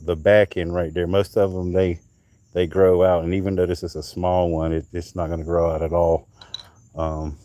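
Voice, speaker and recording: On a summer night outdoors in the heat, a middle-aged livestream host from North Carolina rambles casually and swears while showing off things he found. His voice sits low and sounds warm.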